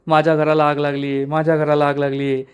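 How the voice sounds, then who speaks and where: A man reading a shrill scolding village aunt. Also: completely flat delivery, fast, clear, resonant tone, lightly acted. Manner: scolding, shouting. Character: loud quarrelsome village aunt, woman.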